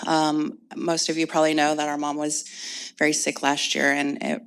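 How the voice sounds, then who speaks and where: Woman poet at a live reading, low voice, slow and measured delivery. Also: little pitch movement, clean tone. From Indianapolis, United States. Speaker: poet reading her work. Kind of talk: live reading and talk before an audience. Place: event space with an audience.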